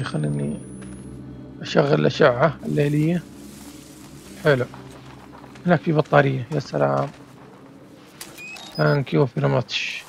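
A man's voice: fairly high pitch, gravelly, slight background noise. A young man commentating as he plays a horror game, talking himself through each step with nervous exclamations. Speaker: gamer.

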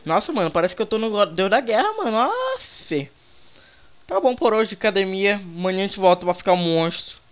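A young man with a Brazilian accent giving relaxed, slangy commentary while playing a game, chatting with viewers through a headset mic. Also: sits high, fast, few pauses, smooth. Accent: Brazilian Portuguese. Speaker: gaming youtuber. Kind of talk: casual gameplay commentary. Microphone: headset microphone.

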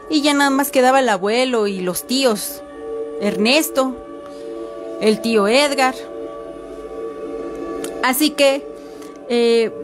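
A woman telling a horror story for a podcast, chatty, with fillers and asides to listeners. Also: a little high.

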